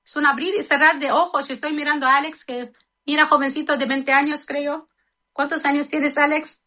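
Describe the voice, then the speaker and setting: Speaking in a high voice with a steady tone and a fairly quick pace, a woman in her fifties earnestly addresses her listeners as brothers and sisters. She blends a reflection on life with a heartfelt prayer, and the audio is dull and lo-fi, like a radio broadcast.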